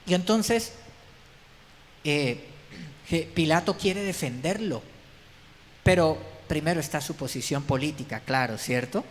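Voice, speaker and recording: A man's voice: fairly high pitch, animated, a little slow, pauses often. A man preaching a sermon as a pastor in a church hall, emphatic and full of rhetorical questions to his congregation. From Colombia. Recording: long hall reverb, faint background noise.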